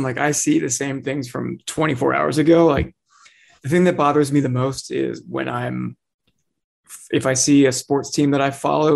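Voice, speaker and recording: Very gravelly, creaky male podcast co-host. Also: mid-range voice. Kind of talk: casual podcast chat.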